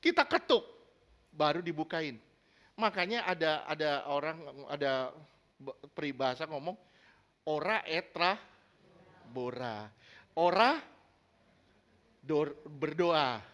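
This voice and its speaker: Bright, high-voiced man preaching. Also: lively intonation, measured pace, long pauses. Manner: emphatic, asks the congregation questions, acts out little scenes. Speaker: pastor. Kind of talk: sermon.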